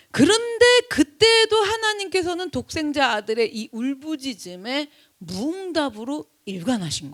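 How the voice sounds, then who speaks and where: A woman pastor preaching a sermon. She asks her listeners questions and answers them herself, swinging from loud cries to hushed low lines.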